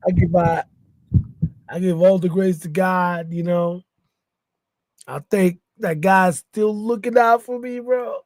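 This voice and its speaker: A winded man hosting a livestream, his voice pitched strikingly high. He talks in a loose, excitable way and fires off slang shout-outs. The sound is dry and close, with no room echo. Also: takes it slowly, long pauses. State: out of breath. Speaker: livestream host. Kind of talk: casual livestream chat.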